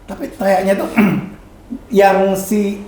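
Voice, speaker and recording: A man telling a personal story in casual talk, lively, acting out his own past words. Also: high-pitched, drawn-out words, slight background noise. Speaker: guest. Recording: roomy room with faint ambience.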